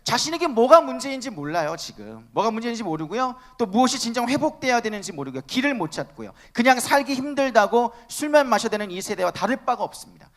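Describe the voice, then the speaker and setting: High, lively-voiced male preacher. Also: quick pace, few pauses. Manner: emphatic, asks the listeners rhetorical questions. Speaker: youth preacher. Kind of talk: sermon.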